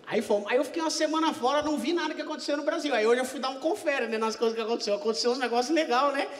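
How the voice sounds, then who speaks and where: A male stand-up comedian telling a story on stage at a live show, animated and swearing freely as he acts out the people in it. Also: very high voice, rapid-fire, in a large hall.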